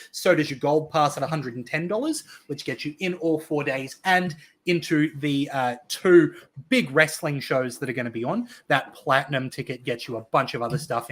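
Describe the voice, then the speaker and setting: An Australian man hosting a wrestling podcast, rattling off event listings in a casual chat with excited emphasis. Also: medium pitch.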